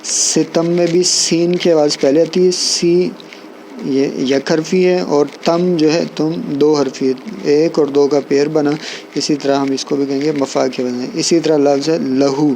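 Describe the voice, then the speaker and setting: A man delivers a recorded poetry lecture in a patient, explanatory way, often pausing to check in with his listeners. His voice sits a touch high and has a gravelly edge, yet the tone stays mellow and relaxed. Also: slight background noise, low-quality recording. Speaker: poetry teacher.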